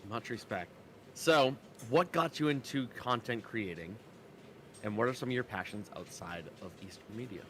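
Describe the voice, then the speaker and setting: A man's voice: mid-range voice, moderate pace, fairly bright tone, slight background noise. A man in his thirties co-hosting a podcast, reassuring and repeating himself in casual chat. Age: 30s. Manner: reassuring, repetitive. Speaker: podcast co-host.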